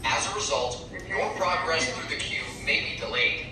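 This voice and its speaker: A woman's voice: low voice, expressive, moderate pace, over music. A woman reading a formal, polite queue announcement over a public-address intercom. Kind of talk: scripted service announcement. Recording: echoey loudspeaker heard from far off.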